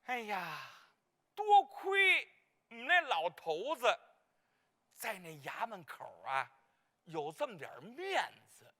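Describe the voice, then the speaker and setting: Huge pitch swings mark this mid-range, sharp, exaggerated voice, which moves slowly and pauses often. It's a staged Peking opera clown role: a comic, gossipy married woman with a Beijing accent who rambles bumblingly and gets names wrong.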